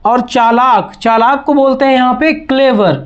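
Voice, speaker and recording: A man's voice: very high-pitched, moderate pace, highs cut off. A man teaching English grammar to beginners, explaining each step patiently and repeating key words. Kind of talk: spoken language lesson.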